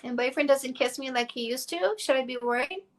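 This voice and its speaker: A woman's voice: sits high, brisk. A woman dating coach from Canada giving blunt, frank advice to viewers on a casual phone livestream.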